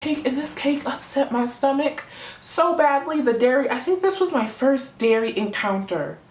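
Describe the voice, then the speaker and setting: Giggling and clearly drunk, a young woman tells a slangy, rambling story about her own life for her vlog. She speaks at normal speed in a high, animated voice with a darkish tone, captured in an echoey, roomy space.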